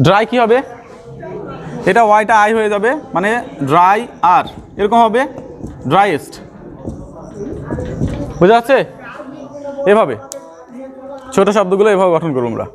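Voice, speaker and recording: A man's voice: high-pitched, animated, a little fast, pauses often. A man teaching English grammar in a classroom style, explaining step by step and repeating key terms.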